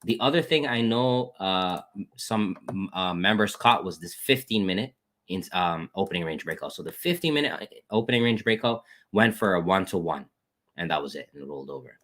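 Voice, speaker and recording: This trading educator sounds expressive and a bit bright, moving at a moderate pace while he shows his trades on a shared screen. His manner is casual: he addresses everyone as "guys," repeats "boom" as he calls out wins, and gives thanks to chat members.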